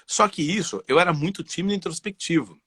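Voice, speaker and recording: A man with a Brazilian Portuguese accent, a guest and voice specialist, talking in a casual, animated way and telling personal stories. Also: on the high side, fast talker, breathy edge, no room sound, studio quality. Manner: animated, personal storytelling with frequent "entendeu?". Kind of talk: casual conversational interview.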